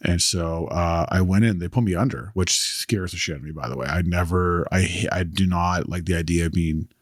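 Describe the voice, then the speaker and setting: A young man co-hosting a podcast, telling a story in a casual, animated way, swearing freely and acting out what others said. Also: sits low, moderate pace, no room sound, studio quality. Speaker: podcast co-host. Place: lives in Calgary.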